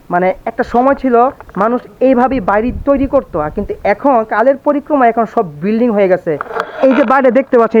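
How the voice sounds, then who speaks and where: A man vlogging a walking tour outdoors on a windy farm, chatty and always telling viewers to look, his voice going hoarse. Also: sits high. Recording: dull lo-fi phone audio with faint outdoor noise.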